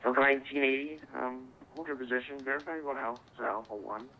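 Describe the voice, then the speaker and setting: A man speaks as an air traffic controller on the radio. His instructions are clipped, procedural and polite. The voice sits at a middle pitch and sounds tinny and narrow, as over a phone line. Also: steady tone, quick pace. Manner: clipped procedural phrasing, courteous.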